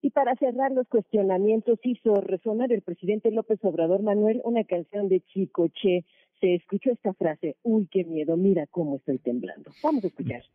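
A woman delivering a quick, lively news report. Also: medium pitch, no echo, narrow, tinny audio.

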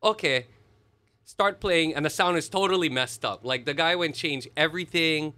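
A man, a musician telling stories in an animated, expressive way during an interview. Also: a little high, moderate pace, dry recording. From Hawaii. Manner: animated, expressive storyteller with sudden laughs. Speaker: musician guest. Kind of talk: casual storytelling interview.

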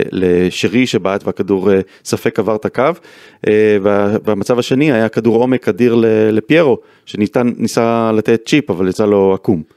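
A man's voice: fairly low pitch, darkish tone, no echo, studio quality. A male football pundit in a casual chat who breaks down plays in detail and brings up statistics emphatically. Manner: detailed, stat-citing, emphatic.

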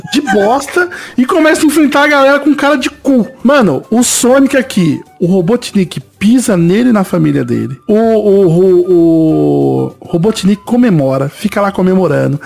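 High-voiced Brazilian guy retelling scenes animatedly. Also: creaky, a little mellow. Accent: Brazilian Portuguese. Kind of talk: casual podcast chat.

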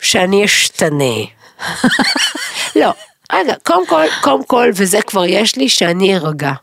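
A middle-aged woman co-hosting a podcast in casual chat, rambling, emotional and quick to joke. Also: medium pitch, sing-song, creaky, fairly bright tone, dry recording. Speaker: podcast co-host.

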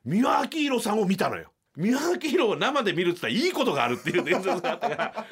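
A middle-aged man hosting a podcast from a small radio studio, telling a comedy story and acting out the people in it with loud, shouted bursts. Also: big pitch swings, fast talker, slightly rough. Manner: acts out quoted shouting with big pitch jumps. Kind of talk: animated storytelling.

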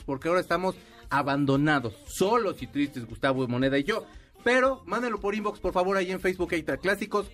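A Mexican man with a notably high voice hosts a radio show in a playful, rambling way, laughing as he tells stories. Faint music plays behind him. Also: fairly bright tone. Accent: Mexican Spanish. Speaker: radio host. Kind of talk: casual radio chat.

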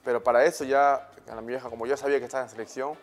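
A man in his thirties with a Peruvian Spanish accent, a guest telling stories in a relaxed, slangy way, often tagging his sentences with questions. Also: mid-range voice, racing, faint music behind. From Peru. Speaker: guest, former footballer. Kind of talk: casual interview storytelling.

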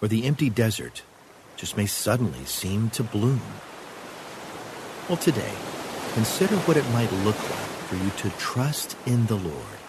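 Calm, meditative low-voiced man with lively intonation. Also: background noise. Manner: calm, meditative, unhurried pauses. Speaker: devotional host leading prayer and meditation.

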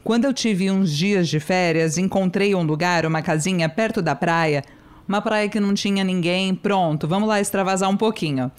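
A woman's voice: on the low side, normal speed, clear, resonant tone. A woman hosting a casual conversation, chatty and telling a personal story about her young son.

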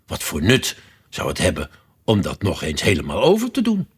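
Heavily acting it out, a man reads a storybook as a muddled, fussy queen who talks in a breezy sing-song and breaks into shrill cries, sounding smug. His voice is slightly rough, swoops wildly in pitch, and moves at a moderate pace.

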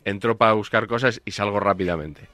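A man's voice: on the low side, fairly quick, bright, forceful tone, no room sound. A man hosting a casual sports talk show with wry, playful humor. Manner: wry, playful, plays clips and quizzes the assistant. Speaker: radio sports show host.

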